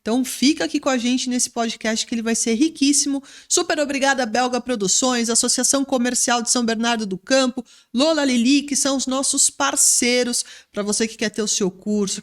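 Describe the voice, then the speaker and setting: A Brazilian woman hosting a business podcast, talking enthusiastically and teasing with irony. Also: fairly high pitch. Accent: Brazilian Portuguese. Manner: enthusiastic, ironic when teasing. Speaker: podcast host. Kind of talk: lively podcast interview.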